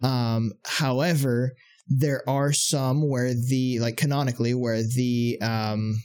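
A man's voice: medium pitch, steady tone, slow, darkish tone. A man co-hosting a podcast in casual chat, explaining game rules at length with many fillers. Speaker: podcast co-host.

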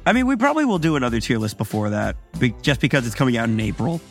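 A man co-hosting a casual podcast, joking around excitedly and swearing freely. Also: mid-range voice, rapid-fire, soft background music. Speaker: podcast co-host.

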